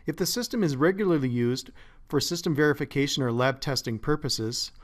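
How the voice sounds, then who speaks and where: A man narrating a scripted step-by-step tech tutorial as a support engineer, in a steady, methodical way. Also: on the high side. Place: voice-over, not recorded in the pictured place.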